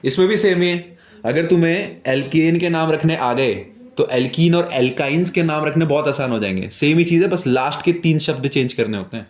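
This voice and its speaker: A young male chemistry teacher gives a classroom lesson in a fairly high voice. He puts questions to his students and answers them himself, checking in again and again. The sound bounces around an echoey room. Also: brisk, dull audio.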